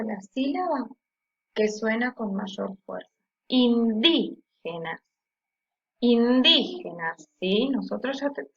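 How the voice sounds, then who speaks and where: Slow, patient woman teacher, gravelly voice. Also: a little high, dull audio. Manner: slow and patient, with frequent checking "¿sí?"; stresses syllables loudly to demonstrate. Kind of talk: classroom lesson.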